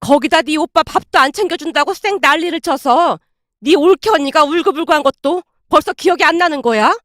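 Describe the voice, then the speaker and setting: Fierce older mom-in-law, sharp scolding, dry close sound, woman reading it. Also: high voice, lively intonation, fairly quick, no echo.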